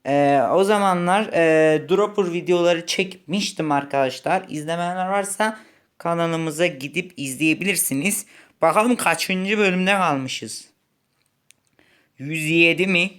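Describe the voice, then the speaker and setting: A young man giving casual gameplay commentary, chatty, muttering when frustrated and shouting when excited. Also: on the high side, unhurried, clear, resonant tone. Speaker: gaming YouTuber.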